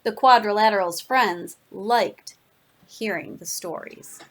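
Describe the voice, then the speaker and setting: Slow-paced woman reading a storybook aloud. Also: mid-range voice, a bit bright. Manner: unhurried, pointing out pictures and counting along. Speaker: storyteller reading a picture book aloud to children. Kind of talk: expressive read-aloud with asides to the listeners.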